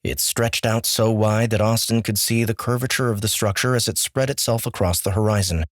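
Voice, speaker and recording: A man narrating an audiobook with measured, steady storytelling. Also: lowish voice, no echo, studio quality. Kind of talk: scripted narration.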